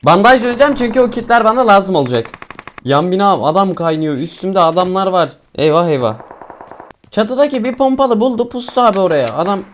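A young man casually commentating his own mobile shooter gameplay, chatty and excitable, talking to viewers and teammates. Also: sits high, a little fast, slight background noise. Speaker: gaming streamer.

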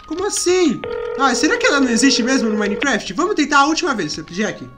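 A young man with a Brazilian accent commenting on a game for viewers, acting scared and excited. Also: extremely high pitch, fast talker, noisy background. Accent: Brazilian Portuguese. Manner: dramatic, feigns fear, talks to viewers and companion. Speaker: gaming youtuber. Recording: background music under voice.

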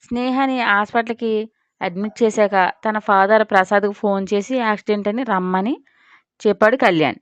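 A woman's voice: mid-range voice, normal speed, no room sound. Woman narrating a dramatic audio story. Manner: reads all characters in a mostly even voice.

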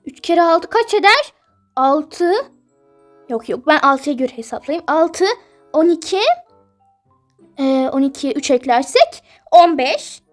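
A woman's voice: high-pitched, expressive, slow pace, long pauses, soft background music. A woman voicing a dreamy, defensive teenage girl in a toy-game role-play, whiny and protesting. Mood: proud.

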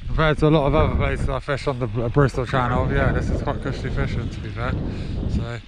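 A man's voice: mid-range voice, fairly even intonation, fairly quick. A young man vlogging his fishing trip outdoors on a sea wall, talking in a rambling, chatty way into a handheld camera mic, with "but yeah" over and over. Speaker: angler vlogger. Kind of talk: casual outdoor vlog. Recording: loud wind noise outdoors. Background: wind and water.

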